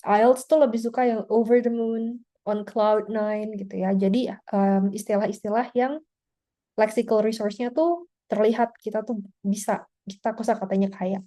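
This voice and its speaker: A woman's voice: medium pitch, fairly even intonation, moderate pace, mellow. A woman teaching an online exam-prep class over a video call, explaining in a chatty way with frequent tag words. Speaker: IELTS teacher.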